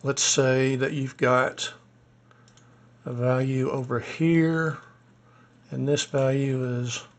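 A man talks through a screen-recorded tutorial at an easy pace, explaining each step as he goes and pausing to think aloud. His voice is a bit hoarse and sits at an ordinary middle pitch. It has the feel of a hobbyist recording at his desktop computer. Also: little pitch movement. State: a little hoarse. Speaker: ham radio hobbyist demonstrating software.

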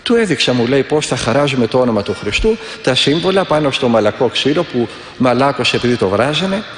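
In a reverberant, echoey hall, a male Orthodox monk gives a sermon full of storytelling. His voice is medium-pitched and very animated, and his delivery is earnest and vivid, with prayers said again and again.

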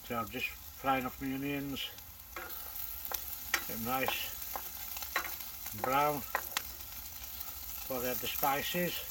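A man's voice: mid-range voice, wildly swooping pitch, drawn-out words, creaky, pauses often, background noise. An older man, chatting casually to camera in a bankside bivvy while he fishes and cooks a curry. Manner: chatty, matter-of-fact running commentary. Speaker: angler vlogger. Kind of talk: casual vlog narration while cooking. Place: bankside bivvy outdoors at dusk.

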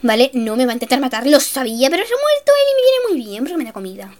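A young woman giving excitable, self-mocking gameplay commentary, swinging between shrieks and mutters. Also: high voice, racing. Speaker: gaming youtuber.

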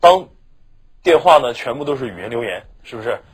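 A male teacher whose first language is Mandarin Chinese gives a chatty exam-prep lecture in a mid-range, husky, animated voice, a little fast. He keeps asking "是吧" to check that students agree.

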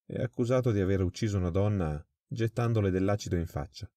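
A man voicing a male prison guard who reports plainly and flatly. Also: deep voice, fast, no echo, clean studio sound, lightly acted. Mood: matter-of-fact.

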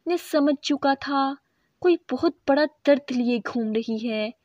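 A woman reading a moral story aloud as scripted narration, steady and earnest. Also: sits high, no room sound. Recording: dry, dull lo-fi sound.

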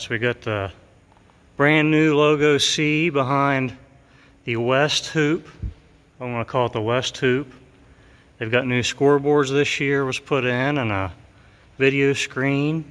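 A man's voice: mid-range voice, slow pace, pauses often, fairly bright tone. A middle-aged man, a mural painter, casually showing his work on a walkthrough, chatty with many fillers. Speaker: mural painter giving a tour. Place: large empty school gymnasium. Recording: long gym reverb.

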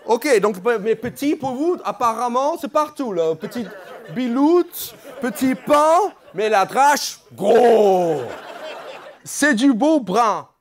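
Male stand-up, high and animated voice, unhurried teasing crowd work, light audience noise. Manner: playful, teasing, mock-outraged at the crowd. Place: comedy club stage. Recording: live club audience audible.

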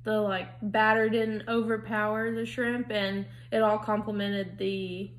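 A woman's voice: mid-range voice, flat delivery, measured pace. A young woman co-hosting a casual, upbeat restaurant review at home, recorded on a phone camera. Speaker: co-host. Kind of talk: casual chat. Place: home living room, indoors. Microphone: phone camera on a stand.

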